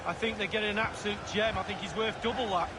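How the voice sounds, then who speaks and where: A man giving relaxed, chatty expert analysis as a football co-commentator in a video game. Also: high voice, fast. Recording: loud game crowd noise behind.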